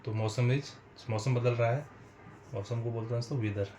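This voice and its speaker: Guy teaching english lesson, slow and repetitive, roomy echo. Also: medium pitch, steady tone, dark tone, slight background noise. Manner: slow, repetitive explaining, addresses viewers as friends. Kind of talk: spoken English lesson in Hindi.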